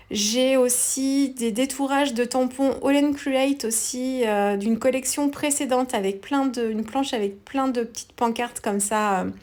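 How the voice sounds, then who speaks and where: A woman narrating a craft tutorial in a relaxed, hesitant way, with many fillers. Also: fairly high pitch.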